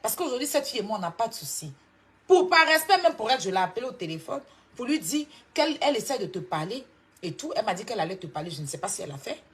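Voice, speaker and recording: A woman's voice: mid-range voice, big pitch swings, racing. Ivorian woman, social media personality, heated scolding live rant, mocking and repetitive. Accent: Ivorian French. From Côte d'Ivoire.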